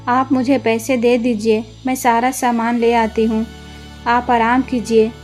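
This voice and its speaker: A woman voicing a meek young student who pleads gently with her family, with faint music behind. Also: on the high side, flat delivery, unhurried, lightly acted. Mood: pleading.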